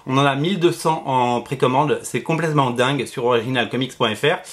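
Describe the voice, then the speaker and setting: A man's voice: mid-range voice, fairly quick, a bit bright. A man with a lisp and slushy s sounds, giving casual promotional chat to viewers as a shop seller, hesitant and repeating his phrases. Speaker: comic shop seller presenting his show.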